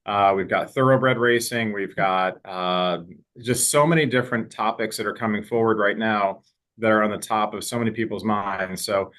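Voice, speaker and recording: Lower-voiced man giving a legislative briefing. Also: moderate pace. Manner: steady explanatory briefing. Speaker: state representative. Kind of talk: legislative update interview. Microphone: video call.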